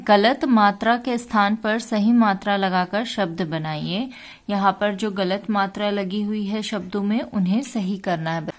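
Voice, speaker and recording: A woman takes children through a worksheet step by step. She sounds patient and explains things slowly. Her voice sits at an ordinary middle pitch.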